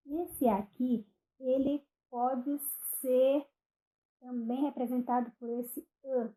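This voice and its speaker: A woman with a Brazilian Portuguese accent giving a recorded online phonetics lecture, speaking deliberately, spelling out example words one at a time and checking in with "ok?". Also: high-pitched, dark tone, poor audio. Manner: frequent "ok?" check-ins and self-corrections. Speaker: university lecturer.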